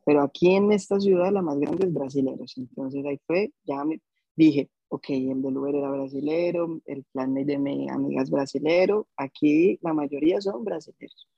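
Gravelly Colombian man, casual chat. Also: fairly high pitch, moderate pace, mellow, no room sound, dull audio. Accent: Colombian Spanish.

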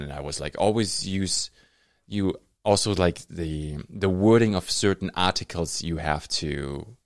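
A podcast host with a German accent, a native German speaker, chats casually in a conversational interview, laughing often and searching for English words. His deep voice is studio quality with no echo.

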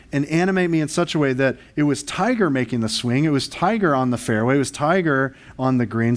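A male pastor preaching a sermon, earnest and emphatic, asking the congregation rhetorical questions. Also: mid-range voice.

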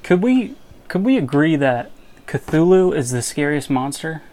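A man's voice: a little high, very animated, unhurried, a little mellow. A young man chatting casually as a podcast co-host, eager and often trailing off mid-thought. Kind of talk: casual chat.

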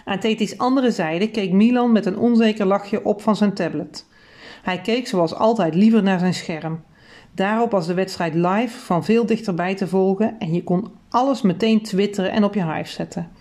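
A woman reading a children's adventure book aloud, with clear, even storytelling and lively emphasis. Her voice sits at an ordinary middle pitch for a woman. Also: normal speed. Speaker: audiobook reader.

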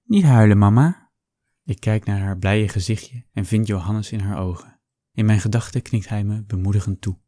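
A man reading a first-person story aloud in a calm, measured storytelling manner. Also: on the low side, no echo, studio quality. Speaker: audiobook narrator. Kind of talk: scripted first-person narration.

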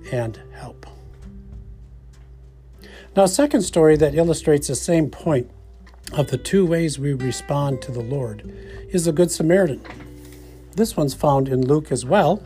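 A male preacher delivering a sermon in a measured, explanatory teaching manner. His voice is mellow and warm, with faint guitar music playing softly behind him. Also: medium pitch.

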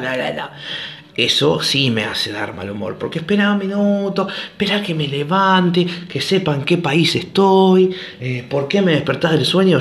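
Speaking in Argentine Rioplatense Spanish, this male podcast host delivers a loose, meandering monologue peppered with sarcastic jokes. His pitch sits in the middle and his tone is fairly bright. The room around him is echoey.

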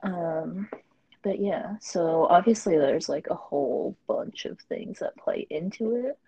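Young woman podcast co-host, low husky voice, loose filler-heavy chat. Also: expressive, takes it slowly, mellow, dull audio. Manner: rambling, filler-heavy, frequent laughter. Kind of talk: casual chat.

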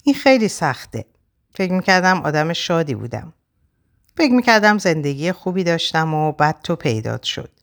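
A woman's voice: low-pitched, big pitch swings. A woman reading the part of a young married woman torn between her husband and a lover, voiced with pleading emotion. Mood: distressed.

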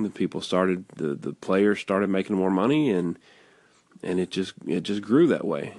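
Man, nasal raspy voice, very low gravelly tone, rambling casual talk, dry close mic. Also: no room sound. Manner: rambling, with many fillers and restarts. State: hoarse. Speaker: podcast host.

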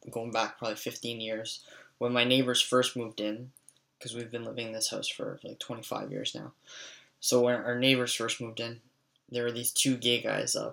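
A young man rambles through casual, profane stories, hanging every thought on filler words. His voice is bright and a little edgy, with a gravelly fry running through it. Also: medium pitch. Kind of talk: casual storytelling monologue.

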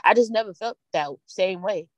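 A woman's voice: medium pitch, moderate pace, no echo, muffled recording. Chatty woman in a dry room. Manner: chatty storyteller, laughs often. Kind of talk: casual chat.

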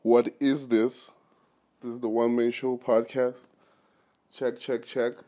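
A man's voice: medium pitch, little pitch movement, slow, warm tone. A man hosting a solo podcast, talking casually in a rambling, joking way with plenty of slang. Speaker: podcast host.

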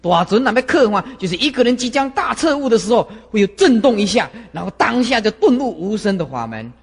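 A man's voice: sits high, big pitch swings, brisk, breathy edge. A man, a Buddhist monk giving a sermon, who scolds and fires off rhetorical questions. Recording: long hall reverb.

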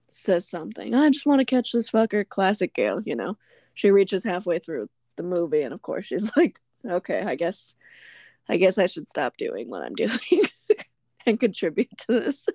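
A podcast co-host, calling in remotely, walks through a film scene by scene in a casual recap, laughing often. Her fairly low, slightly mellow voice swings widely in pitch at an unhurried pace, with studio-quality sound and no echo.

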